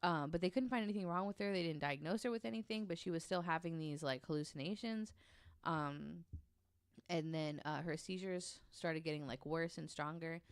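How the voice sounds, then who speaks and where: A woman tells a researched story on a podcast, casual and conversational, with an informal, hesitant delivery. Her voice is low at a normal speed, and the studio-quality recording is clean with no echo.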